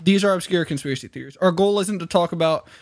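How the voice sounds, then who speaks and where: A man's voice: high voice, fast talker, no echo. A man co-hosting a casual podcast, presenting ideas with playful, mock-serious earnestness. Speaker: podcast co-host presenting theories. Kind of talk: casual chat.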